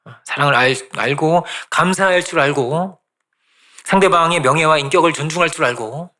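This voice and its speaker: This male pastor delivers a conversational sermon in a slightly high voice at a moderate pace, sounding pushed and bright. He often asks the congregation "right?" and repeats phrases for emphasis.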